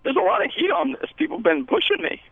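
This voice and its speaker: A man voicing an excitable, defensive male puppet who calls in over the phone and rambles, quick to get riled up. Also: very high voice, vocal fry, no echo, heavily acted. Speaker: caller. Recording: tinny phone line.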